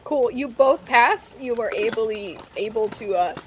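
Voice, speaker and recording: Slow-talking, high-voiced woman game master. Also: slight background noise, rough recording. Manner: casual, sweary, playful. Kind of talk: narrating and chatting at a tabletop game.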